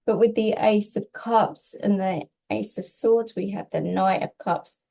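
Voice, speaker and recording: Woman, tarot reader, soft mellow tone, mid-range pitch, reassuring, emphatic, short repeated phrases. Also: steady tone, a little slow, creaky. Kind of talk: casual spiritual guidance monologue, tarot reading.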